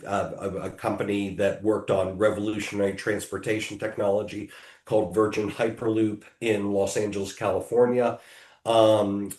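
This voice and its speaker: Middle-aged American man, low-ish voice, hesitant and filler-heavy, recorded in an echoey room. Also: darkish tone. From United States. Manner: hesitant, many ums and restarts. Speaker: podcast guest, technology attorney. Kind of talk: casual interview answers.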